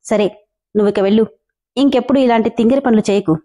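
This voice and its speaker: A woman's voice: a little high, fast, mellow, lightly acted. A woman voicing a cold, arrogant young husband who scolds curtly in a story reading. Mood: stern. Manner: curt and scolding.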